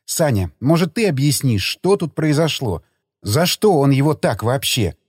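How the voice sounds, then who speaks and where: A man's voice: medium pitch, very animated, moderate pace, darkish tone, breathy edge, dry recording, clean studio sound. A man voicing an angry scolding woman, a nurse, in an audiobook, hissing and lecturing.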